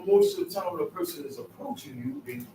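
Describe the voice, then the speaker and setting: A man's voice: high-pitched, big pitch swings, quick pace, warm tone, a little hiss or hum. A man giving a Sabbath scripture lesson, emphatic and repetitive, in casual street phrasing. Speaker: Bible teacher. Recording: echoey room, mic far off, faint ambience.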